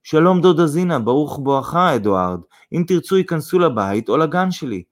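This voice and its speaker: A shy, gentle young village woman who speaks softly in a lifted voice, as a male storyteller puts her on. She sounds tender. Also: on the high side, animated, pitched above the performer's own voice, lightly acted. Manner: soft, gentle.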